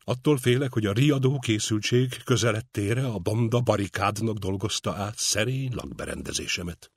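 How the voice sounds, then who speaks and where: A polite, weary young man speaks with a sigh in his manner, as a man puts him on. The voice is husky and dry, as in a storybook reading. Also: on the low side, no echo.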